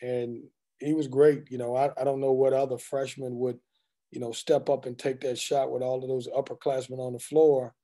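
A man in his forties speaks over a video call webcam, his voice mellow and dark-toned. He answers postgame questions in a candid, loose and joking way. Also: mid-range voice, little pitch movement, moderate pace. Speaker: head basketball coach. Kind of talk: postgame press conference. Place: indoors in front of a team backdrop.

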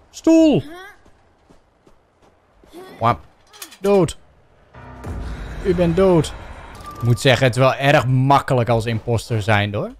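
A young man with a Dutch accent giving excitable gameplay commentary, shouting and yelping playfully as he plays. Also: a little hiss or hum. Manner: shouty, playful, bursts into silly high yelps. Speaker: gaming YouTuber.

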